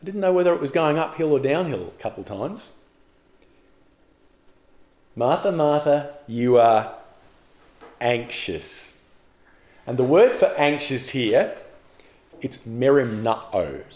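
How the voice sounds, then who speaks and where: A man preaching a sermon as a pastor, telling the story in a lively way and putting questions to the congregation. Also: medium pitch, normal speed, echoey room.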